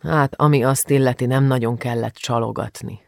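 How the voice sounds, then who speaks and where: A man's voice: creaky, dry recording, clean studio sound. A man doing a stern angry father. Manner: stern, rumbling, commanding. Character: stern, angry middle-aged father, protective.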